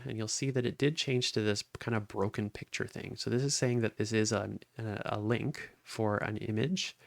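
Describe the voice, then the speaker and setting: Low gravelly-voiced man teaching. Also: no echo. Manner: plain step-by-step explaining with fillers. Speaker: instructor. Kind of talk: screen-recorded coding tutorial.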